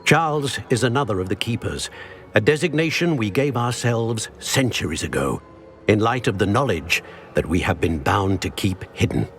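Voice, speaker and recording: An actor playing an ancient, solemn wizard in a video game, a wise mentor speaking in a measured, formal and grave manner. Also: male voice, on the low side, expressive, natural voice. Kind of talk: scripted game dialogue.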